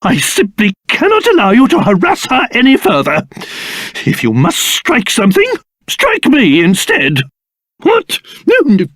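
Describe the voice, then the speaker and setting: A man's voice: very high voice, huge pitch swings, measured pace, a bit bright, dry recording, heavily acted. Fussy old king from a video game, super swoopy voice, drawn out and pompous, dry studio sound. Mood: alarmed, flustered. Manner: pompous, theatrical, swinging from blustering to tender. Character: fussy, pompous old king, doting father, quick to indignation.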